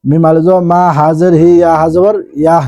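Man, Bangladeshi Bengali accent, Quran teacher, slightly high voice, dry close sound. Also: level tone, dark tone, no room sound. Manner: slow, drawn-out recitation between quick explanations. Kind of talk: spelling out Quranic recitation letter by letter.

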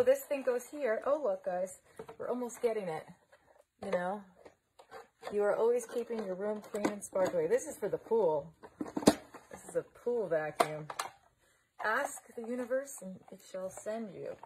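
A woman vlogging live at home, chatting casually and thinking out loud as she unboxes a gadget. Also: mid-range voice, noisy background. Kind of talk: casual live-stream chat.

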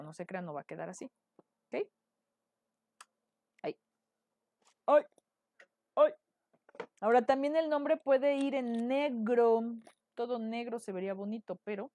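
A woman's voice: medium pitch, darkish tone, no echo. A woman with a Mexican accent, a decorative painting teacher, chatting through a live painting tutorial and checking in with her viewers often. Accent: Mexican Spanish.

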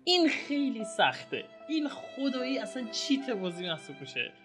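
A young man giving excitable, casual commentary while playing a video game, shouting and groaning at the action. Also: extremely high pitch, music in the background. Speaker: gameplay streamer. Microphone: home mic with some noise.

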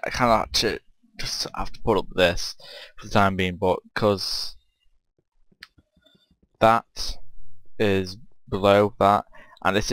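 A game player and channel host gives casual let's-play commentary while playing and building, rambling and thinking aloud as he questions himself. His voice is fairly low with a fairly bright tone, and the recording is dry.

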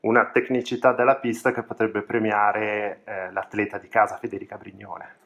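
A man, the off-camera interviewer, putting brisk, leading questions to a guest. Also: lowish voice, flat delivery, fairly bright tone, lo-fi sound.

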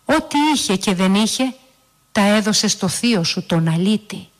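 A woman's voice: mid-range voice, close to an everyday voice. Woman voicing a middle-aged father, storybook, bitter, wounded.

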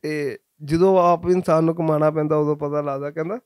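A man's voice: a little high, fairly even intonation, fairly quick, darkish tone, clear, resonant tone, no room sound, studio quality. A Punjabi-accented man, a singer, giving earnest advice in an interview, with sung passages between his answers.

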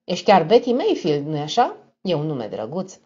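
A woman's voice: sits low, huge pitch swings, mellow, slightly rough, full character voice. A woman voicing a smug, mocking young male blackmailer with an affected tone. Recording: dull lo-fi recording.

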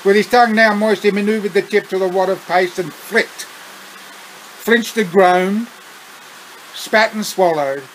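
A man with an Australian accent reading his own story aloud, unhurried, breaking off for chuckling asides. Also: high voice, steady tone, a bit bright, a little hiss or hum, low-quality recording.

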